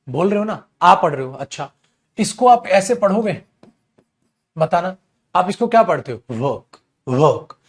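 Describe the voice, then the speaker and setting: A male English grammar teacher with a Hindi accent, lecturing a class and answering his own questions as he explains. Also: high-pitched.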